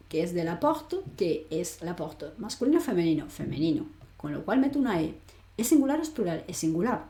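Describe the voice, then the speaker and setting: Woman, language teacher, mellow voice, asks and answers her own questions, roomy echo. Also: fairly low pitch. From Spain. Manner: explains step by step, asks rhetorical questions and answers them. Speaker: French teacher. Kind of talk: online grammar lesson. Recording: echoey room.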